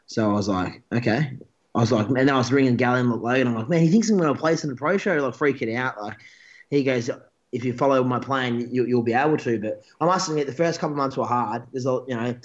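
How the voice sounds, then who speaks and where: A man's voice: medium pitch, fairly even intonation, brisk. Rambling Australian man, muffled sound. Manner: rambling storyteller, restarts a lot. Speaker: interview guest, pro bodybuilder. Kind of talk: casual chat. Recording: dull, lo-fi sound.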